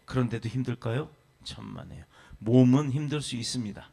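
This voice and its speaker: Korean pastor preaching an emphatic sermon. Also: male voice, mid-range voice, animated, fairly quick, vocal fry, mellow. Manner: emphatic preaching with rhetorical questions and lists. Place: church.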